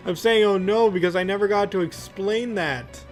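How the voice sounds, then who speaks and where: A man's voice: high-pitched, measured pace, soft background music. A young man giving casual, rambling let's play commentary in a jokey, mock-exasperated manner.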